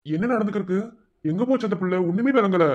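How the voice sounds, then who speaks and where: A worried village man, protective of his family, voiced by a man. He has a Madurai accent and a slightly raised pitch. He alternates between reassuring others and muttering over his suspicions. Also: quick pace, a little mellow, highs cut off. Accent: Madurai Tamil. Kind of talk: cartoon voice acting.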